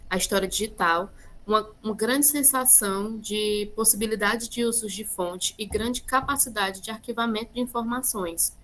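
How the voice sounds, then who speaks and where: Measured Brazilian woman asking questions. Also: mid-range voice, fairly bright tone, slight background noise. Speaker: interviewer.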